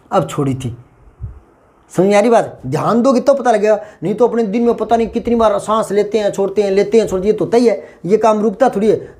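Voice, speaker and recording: A man's voice: sits high, darkish tone. A man teaching grammar in an exam-prep lesson. He explains patiently, repeats key terms and asks rhetorical questions.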